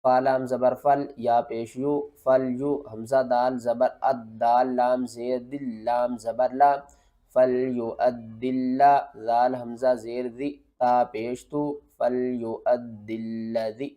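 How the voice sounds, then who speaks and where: A man teaching tajweed. He spells out letters and vowel marks one by one, asks questions and answers them himself, and chants the verses slowly. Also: medium pitch, flat delivery, muffled recording. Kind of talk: step-by-step recitation lesson.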